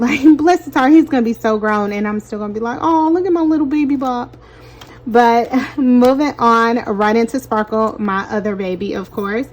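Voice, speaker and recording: A young woman talks her viewers through her budget in a loose, chatty vlog style. Her voice sits a little high, and she sounds slightly short of breath. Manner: chatty, addresses viewers as "you guys". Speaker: budgeting vlogger. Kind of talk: casual cash-stuffing chat.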